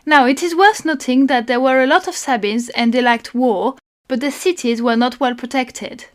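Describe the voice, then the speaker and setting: A woman with a high voice narrates history for a podcast. She keeps a measured storytelling pace and drops dry asides between the facts. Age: adult parent. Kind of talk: read-aloud history narration with banter.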